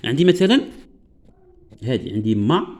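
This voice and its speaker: A man with a Moroccan Arabic accent teaching French pronunciation. He explains patiently, often checks that listeners follow, and says example words slowly. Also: medium pitch, big pitch swings, darkish tone. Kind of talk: classroom-style lesson explanation.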